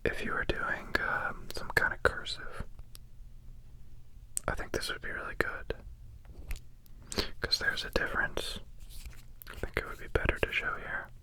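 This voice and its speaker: While carving a bar of soap, a person murmurs hushed ASMR narration at a leisurely pace and gently repeats words, though the recording sounds poor.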